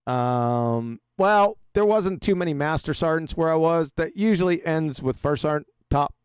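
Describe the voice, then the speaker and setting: A man's voice: fairly high pitch, moderate pace, clean tone, no echo, clean studio sound. A man hosting a live panel, talking casually and bluntly. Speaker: panel show host.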